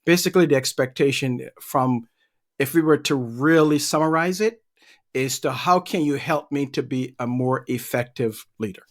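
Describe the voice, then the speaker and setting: A man's voice: mid-range voice, moderate pace. A middle-aged man from Barbados, a leadership trainer answering interview questions in an easygoing way and often repeating words while he thinks.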